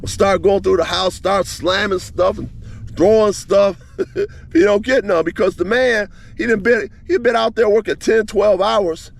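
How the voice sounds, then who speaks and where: Male advice vlogger, casual monologue, gravelly voice, animated storytelling full of restarts. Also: high-pitched. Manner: animated retelling, many restarts, speeds up and slows down.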